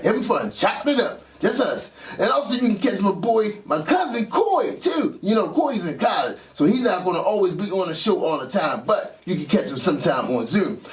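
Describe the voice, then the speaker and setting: A man voicing an excitable boyish puppet who hosts a kids' show like an overbright party host, with a husky voice and hyped, exclamatory delivery. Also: high-pitched. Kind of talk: children's puppet show presenting.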